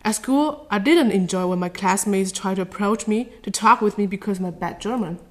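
This is a woman from China, a native Chinese speaker, answering interview questions. Her delivery is earnest and careful, with some halting restarts. Her pitch sits in the middle range.

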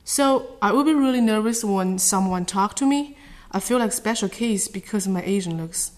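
Earnest woman, non-native Chinese speaker. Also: mid-range voice. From China. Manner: careful, earnest, slightly halting non-native phrasing. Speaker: interviewee. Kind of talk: scripted interview answers.

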